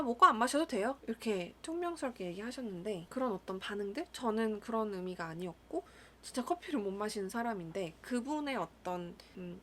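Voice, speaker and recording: Calm, reflective young woman counselor. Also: on the high side, slight background noise. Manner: calm, thoughtful, measured, with soft whispered asides. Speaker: school counselor. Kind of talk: reflective solo monologue.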